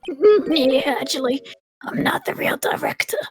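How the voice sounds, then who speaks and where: A woman's voice: high-pitched, unhurried, fairly bright tone, a little hiss or hum. Woman acting old man, doddering, grumbly, mumbled hums, sly, video game character. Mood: mumbling, sly. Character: doddering lecherous old man posing as hospital director. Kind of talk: video game role read aloud.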